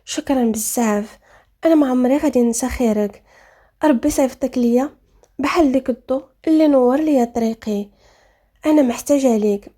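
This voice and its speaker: A woman's voice: high voice, a little fast, long pauses, dark tone. A woman with a Moroccan accent voicing a frightened, shy young wife who speaks hesitantly and timidly. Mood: grateful.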